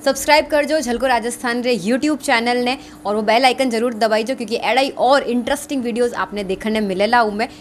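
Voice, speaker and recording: Host woman, Rajasthani accent, fairly high voice, encouraging, faint noise. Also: fairly quick, few pauses. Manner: encouraging, appeals to viewers directly. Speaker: interviewer and channel host. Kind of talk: casual interview and channel outro.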